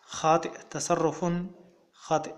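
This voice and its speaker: A man's voice: a little high, little pitch movement, normal speed. A man with a Moroccan Arabic accent, a teacher patiently walking young pupils through exam answers step by step.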